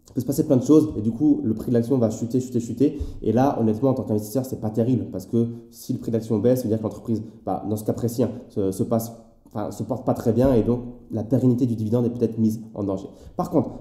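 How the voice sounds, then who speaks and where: A man talks fast and informally, as if chatting with a friend, with frequent filler words. His voice is dark and mellow. The sound carries a noticeable room echo. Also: medium pitch. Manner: chatty, addresses viewer informally, many fillers. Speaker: finance YouTuber. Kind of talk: casual explanatory video.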